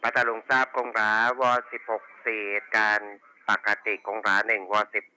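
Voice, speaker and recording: A man's voice: lowish voice, steady tone, moderate pace, heavy background noise. A man working as a police radio dispatcher, reading back station reports and call signs in formulaic procedure over a walkie talkie. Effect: two-way radio.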